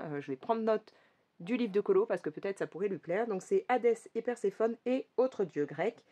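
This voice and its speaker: Casual woman vlogger, mid-pitched, rambling and friendly, stops and restarts as she goes. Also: dark tone, breathy edge. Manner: chatty, many fillers and self-corrections. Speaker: coloring vlogger. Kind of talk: casual chat about upcoming coloring books.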